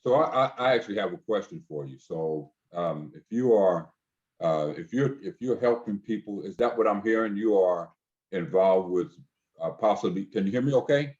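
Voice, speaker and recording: A man's voice: fairly low pitch, animated, moderate pace, darkish tone. Stammering man on a dull video call. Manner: stammering restarts. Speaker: panelist joining by video call. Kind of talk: casual talk-show question.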